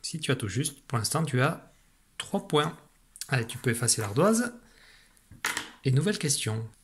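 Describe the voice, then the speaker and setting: A man teaching a remote lesson to young children, patient and slow, repeating syllables for a dictation. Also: medium pitch, sing-song, background noise. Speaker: primary school teacher.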